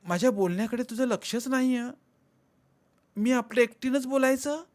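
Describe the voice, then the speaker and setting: A man's voice: extremely high pitch, moderate pace, pitched above the performer's own voice. A man reading an audiobook and voicing a young pregnant wife who questions and reproaches her husband. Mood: reproachful. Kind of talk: audiobook character voice.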